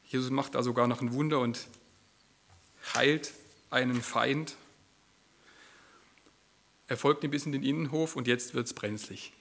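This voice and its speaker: Gravelly, bright-voiced male preacher. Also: medium pitch, unhurried, pauses often, a little hiss or hum. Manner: acts out quoted lines with shifting voice. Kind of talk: sermon.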